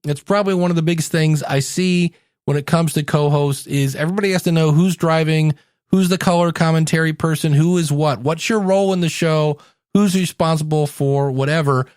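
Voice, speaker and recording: In a fairly quick, slightly mellow voice on the high side, an American podcaster from Ohio coaches his listeners alone on mic. He teaches in a conversational, direct manner, with clean studio sound and no room sound.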